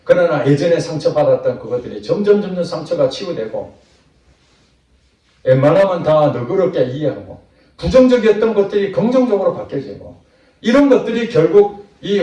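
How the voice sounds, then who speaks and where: A man's voice: high-pitched, dark tone. A man preaching a sermon as pastor, acting out short asides of imagined people. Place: church sanctuary. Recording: echoey church hall from far off.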